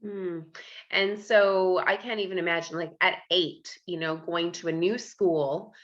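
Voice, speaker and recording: A woman's voice: lowish voice, steady tone, unhurried, fairly bright tone, lo-fi sound. A woman hosting an interview podcast, chatty and encouraging, with many fillers. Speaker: podcast host.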